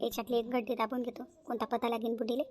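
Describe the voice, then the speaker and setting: A woman's voice: high voice, lightly acted. A woman voicing a scheming young daughter-in-law in a cartoon, patronizing and bossy. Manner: patronizing, fast-talking. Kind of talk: cartoon voice acting.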